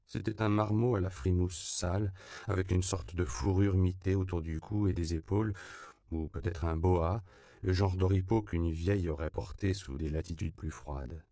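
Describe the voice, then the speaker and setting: A man narrates an audiobook in an even, measured reading. His voice is very low and gravelly with a rough fry. The recording is dry and close, with no room sound. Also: no echo. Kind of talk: scripted narration.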